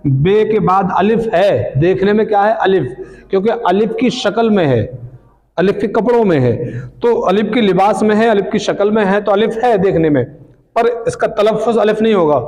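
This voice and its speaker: A man's voice: high voice, darkish tone. A man teaching Quran reading, patiently explaining rules and answering his own questions. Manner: patient, asks questions and answers them himself. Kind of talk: recitation lesson. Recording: long hall reverb.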